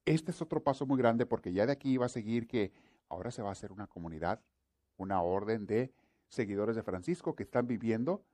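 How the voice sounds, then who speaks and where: A man's voice: fairly low pitch, animated, a little fast, mellow. A man preaching a sermon in an earnest, repetitive way, addressing his listeners as brothers.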